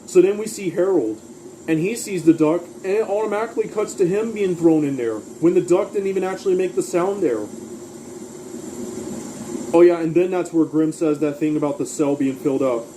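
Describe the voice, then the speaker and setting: A man's voice: fairly high pitch, fairly quick, noisy background. A man casually recapping a cartoon episode, rambling through the plot and quoting lines along the way. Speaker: cartoon reviewer.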